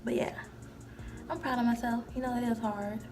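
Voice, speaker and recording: Her voice on the high side, a woman of twenty leads a rambling, casual vlog tour at a moderate pace with fairly even intonation. She keeps saying "like" and "you know," and background music can be heard.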